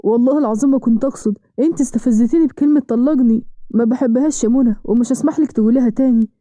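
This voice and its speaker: A woman's voice: a little high, rapid-fire, mellow, no echo, natural voice. A woman with an Egyptian accent voicing a hot-tempered young husband in a spoken drama story, harsh and commanding. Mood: pleading.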